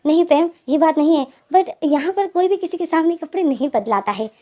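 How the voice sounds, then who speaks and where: A woman's voice: high voice, fairly quick, warm tone, natural voice. A woman voicing a flustered, shy young man who protests in a panic.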